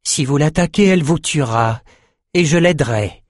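A man's voice: a little high, animated, moderate pace, no room sound, studio quality, pitched above the performer's own voice, natural voice. A man reading an audiobook voices a fierce young sorceress defending a panther. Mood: defiant. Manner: defiant, fierce.

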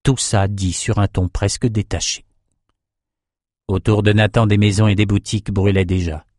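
A man reads fantasy narration in a steady, measured way. His voice sits low. The recording is dry and close to the mic. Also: no room sound. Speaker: audiobook narrator.

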